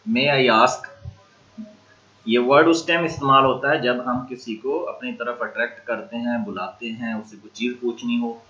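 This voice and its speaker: Slow-talking guy teacher, bright voice, goes over each word again and again, kinda muffled lo-fi audio. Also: mid-range voice. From Pakistan. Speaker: language teacher. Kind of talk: recorded classroom lecture.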